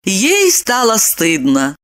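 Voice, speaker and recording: A woman narrating an audiobook in an expressive storytelling manner. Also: mid-range voice, slow. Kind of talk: scripted narration.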